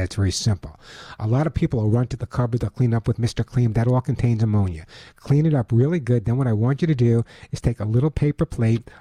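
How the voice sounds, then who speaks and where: Mellow American man hosting pet radio. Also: mid-range voice, dry recording. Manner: emphatic, repeats points for effect. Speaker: radio host and pet advice expert. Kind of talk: live call-in radio show with self-read product plugs.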